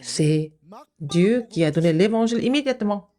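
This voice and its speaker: A woman giving a children's sermon, asking the kids questions and answering them, with sudden high exclamations. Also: expressive, normal speed, dark tone. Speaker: kindergarten preacher.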